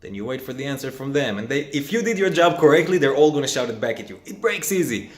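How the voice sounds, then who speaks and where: A man teaching self-defense instructors, working through a lively question-and-answer lesson. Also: medium pitch, fast talker, roomy sound. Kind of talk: instructor training talk.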